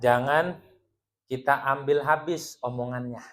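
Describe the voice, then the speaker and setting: A man's voice: mid-range voice, steady tone, unhurried. Playful man giving a joking religious talk. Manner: playful, teasing, laughs often with the audience. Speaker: Islamic teacher leading a women's study group.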